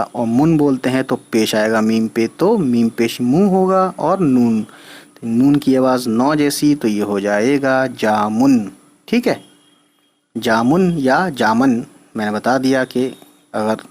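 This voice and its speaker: A male teacher talks his way through a reading lesson at an unhurried, deliberate pace. His voice sits at an ordinary middle pitch. He spells each word out letter by letter and keeps asking whether it makes sense. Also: darkish tone. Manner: patient, spells letters out slowly, often asks "right?". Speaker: Urdu teacher.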